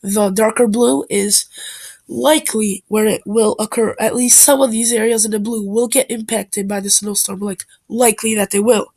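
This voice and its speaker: A woman's voice: medium pitch, fairly even intonation, moderate pace, a little mellow, slightly rough. A woman with a stuffed-up, nasal voice from a bad cold, informally narrating an amateur weather forecast video.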